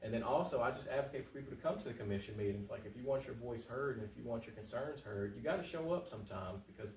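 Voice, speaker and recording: Here a man with a mid-range voice speaks at a quick pace, answering interview questions as a candidate for office. His answers are casual and emphatic, full of colloquialisms and repeated points. The recording has room echo, a far-off microphone and faint noise.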